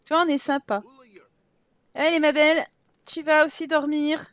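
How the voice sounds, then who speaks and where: French-accented female gameplay host, high-pitched, exasperated teasing commentary, dry recording. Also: level tone, moderate pace, fairly bright tone, dry recording. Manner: scolding her game characters, exasperated and teasing. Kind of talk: casual let's-play commentary.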